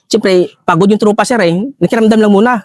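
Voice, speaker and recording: A man's voice: high-pitched, fairly even intonation, quick pace, no room sound, studio quality. A man, a soldier, telling a war story in an interview, deferentially adding "sir" after nearly every phrase. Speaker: soldier recounting a rescue operation.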